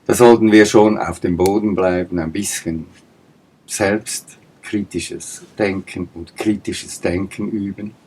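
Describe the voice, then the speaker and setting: A man's voice: low voice, steady tone, takes it slowly, a little mellow, slight background noise. A man giving an emphatic political monologue, asking pointed rhetorical questions and repeating his points. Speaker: political commentator.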